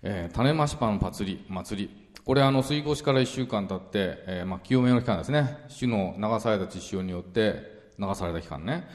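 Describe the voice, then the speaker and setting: A man preaching a relaxed, chatty Bible teaching sermon, full of fillers and asides. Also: on the low side, moderate pace. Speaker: pastor. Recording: long reverberant hall sound.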